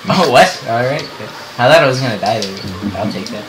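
A man's voice: mid-range voice, animated, moderate pace, noisy background. A young man in casual let's play commentary, chatting easily and explaining the game as he plays. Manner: easygoing, chatty, explaining moves. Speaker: gaming co-commentator. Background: game music.

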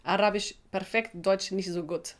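A woman's voice: medium pitch, steady tone, moderate pace, natural voice. A woman voicing a self-mocking foreigner who speaks clipped, broken German with a Russian-sounding accent. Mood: joking, self-mocking.

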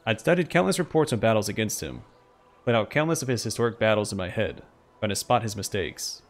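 A man's voice: fairly low pitch, expressive, fairly quick, natural voice. A man voicing a dutiful, ambitious army captain with a formal, respectful manner, in game dialogue read aloud. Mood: wistful, determined.

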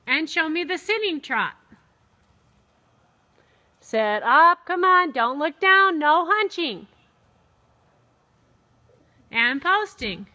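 A woman working as a riding instructor, calling out brisk, projected commands as she coaches a lesson in a large indoor arena. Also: extremely high pitch, animated, sharp tone, lo-fi sound.

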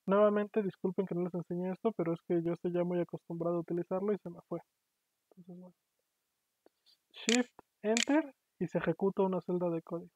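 Brisk and high-pitched, with fairly even intonation, a male university lecturer delivers an online programming class, patiently explaining and often checking in with students. His online class audio sounds tinny, dry and phone-like.

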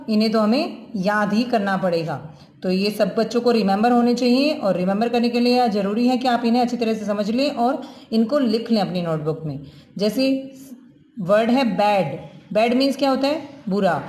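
Lady teacher going really slow over grammar words, kinda high voice, echoey room. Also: darkish tone. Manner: slow, explaining, stretches example words and checks understanding. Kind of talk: classroom lesson in Hindi-English mix.

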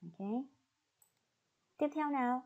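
Woman from Vietnam, English teacher for kids, unhurried, patient repetition, slightly muffled lo-fi sound. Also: high-pitched, animated, creaky. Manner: slow, patient drilling of each word. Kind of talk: online lesson for children. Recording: slightly dull lo-fi recording.

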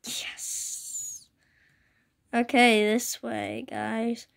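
Giving casual gameplay commentary for her gaming channel, a croaky young woman speaks very slowly with a flat delivery and a slightly high pitch, still chatty and quick to exclaim. She films her laptop screen on a handheld phone indoors at home while it rains.

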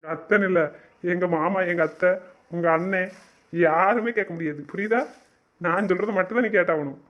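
Guy in a romance audio drama, high quick voice, bossy and teasing, muffled lo-fi sound. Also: a bit bright. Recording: dull lo-fi recording.

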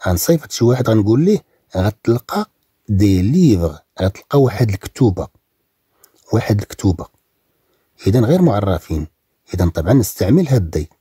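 Moroccan man, language teacher, very husky voice, dark and mellow tone, repeats words slowly. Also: on the low side, dry recording, studio quality. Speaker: French teacher. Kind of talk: recorded language lesson.

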